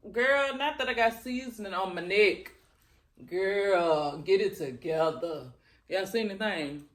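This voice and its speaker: Female mukbang vlogger, medium pitch, colloquial rambling chat, chewing while talking. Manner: chewing while talking, pausing between bites. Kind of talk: casual chat to viewers while eating.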